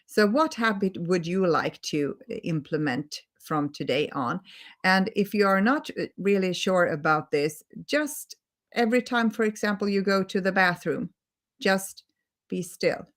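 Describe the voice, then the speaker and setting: In this live stream, the Swedish-born healing coach keeps her tone gentle and earnest, repeating words to stress them in her Swedish accent. Her mid-range voice has lively intonation and a measured pace.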